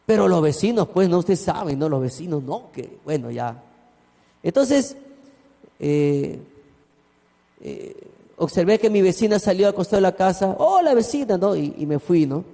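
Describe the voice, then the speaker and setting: A man's voice: high-pitched, expressive, a little slow, long pauses, dark tone. A man, a pastor preaching a sermon and telling a story with asides to his congregation. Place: church hall. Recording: long church hall reverb.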